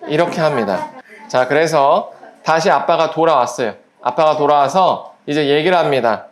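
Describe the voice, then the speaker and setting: A pastor giving a children's sermon at a church service, gently asking the children quiz questions and acting out little voices in the story. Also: medium pitch, animated, moderate pace. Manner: acts out little quoted voices while storytelling.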